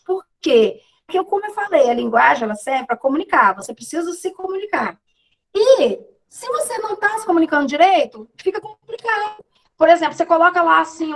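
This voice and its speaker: A woman with a high voice teaches a casual online class over a video call, and the recording sounds rough. She's chatty and often checks in with her students.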